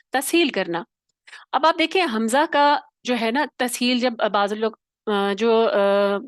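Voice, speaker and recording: Female recitation teacher: fairly high voice, dry close mic, patient step-by-step demonstrations. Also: no room sound. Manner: explains step by step, demonstrates sounds, checks with "theek hai?". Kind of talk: tajweed lesson.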